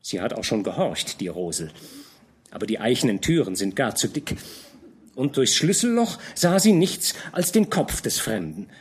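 A man voicing a gossiping middle-aged female innkeeper who spreads scandal in a hushed, eager way. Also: very animated, normal speed, husky. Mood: chatty. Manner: chatty, conspiratorial, hushed to shrill.

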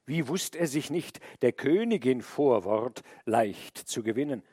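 An angry, stately animal king, as a man reading a fable puts him on, swears a solemn oath of punishment. His voice drops lower and sterner than the narration, slow and deliberate. The sound is dry and close. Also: expressive, mellow, slightly rough, no room sound. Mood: wrathful.

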